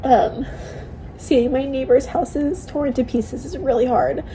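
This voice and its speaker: Tearful woman with a higher, soft voice. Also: slight background noise, low-quality recording. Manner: halting, emotional, confiding. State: tearful, crying. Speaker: vlogger sharing a personal update. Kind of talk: casual emotional vlog talk.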